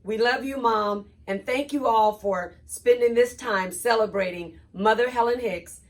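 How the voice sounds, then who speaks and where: A woman, the oldest daughter, giving a prepared memorial tribute in a steady, measured way. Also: fairly high pitch.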